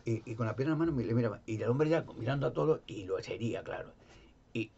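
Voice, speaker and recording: A man's voice: medium pitch, expressive, fast, darkish tone, breathy edge, highs cut off. A man with a Spain Spanish accent retelling a gospel story in a rambling, repetitive, folksy way. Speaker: religious storyteller. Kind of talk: casual retelling of a Bible story.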